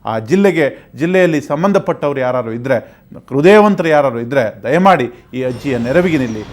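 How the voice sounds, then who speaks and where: A man's voice: on the high side, lively intonation, fairly quick, a little hiss or hum. A man presenting a news report, speaking earnestly and appealing to viewers. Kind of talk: news commentary.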